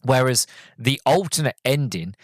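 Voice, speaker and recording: A man hosting a solo podcast, recapping a film in a loose, rambling way with many fillers and restarts and sudden bursts of excitement. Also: mid-range voice, normal speed, slightly rough, dry recording. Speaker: podcast host reviewing a film.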